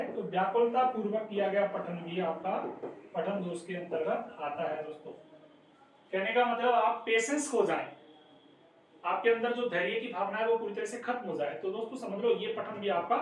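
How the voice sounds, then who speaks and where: A man teaching an exam-prep lesson, explaining step by step and often calling his listeners friends. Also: high-pitched. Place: classroom. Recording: echoey room, distant mic, faint noise.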